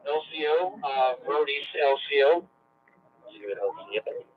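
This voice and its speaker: A man's voice: mid-range voice, expressive, normal speed. A man working a road checkpoint, reporting over a two-way radio in clipped radio procedure with call signs and sign-offs. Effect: two-way radio transmission. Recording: tinny two-way radio with hiss.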